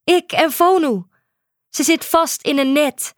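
A woman's voice: high-pitched, slow, no room sound, studio quality, voice pushed up. A woman voicing a brave, caring young island girl who pleads and urges in a storybook reading. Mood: pleading. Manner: urgent, pleading.

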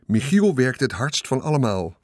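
A man reads a children's book aloud in a calm, measured way. His voice sits at a middle pitch. The recording is dry and close to the mic. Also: no room sound. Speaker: audiobook narrator. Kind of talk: scripted narration.

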